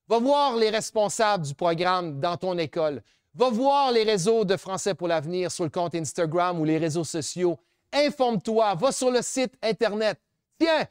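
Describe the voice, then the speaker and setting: Canadian french guy hosting, high clean voice, dry close sound, talks right at the kids with lots of energy. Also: clear, resonant tone, no echo. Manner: lively, speaks straight to the listener, slips into English phrases. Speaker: ceremony host. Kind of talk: energetic address to young students.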